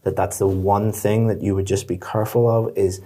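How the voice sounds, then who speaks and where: Male tutor, low warm voice, talking a student through exam feedback in quick encouraging bursts. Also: flat delivery. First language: English. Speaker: English exam teacher. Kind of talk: one-to-one spoken feedback.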